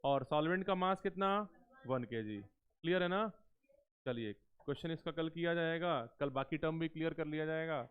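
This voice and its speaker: A man teaching chemistry in a live class, coaxing students with questions and slowing down to dictate terms word by word. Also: fairly high pitch, clean tone. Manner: coaxing, keeps asking students questions and calls them beta. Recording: tinny phone-like lecture recording.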